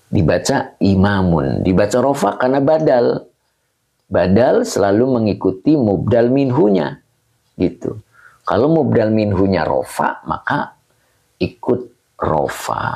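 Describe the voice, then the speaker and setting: A man teaching a religious text at an unhurried pace, his low voice gravelly and a little husky. He patiently repeats each term and keeps asking his listeners questions, with a pitch that rises and falls freely. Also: a little mellow. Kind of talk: slow kitab reading and grammar lesson.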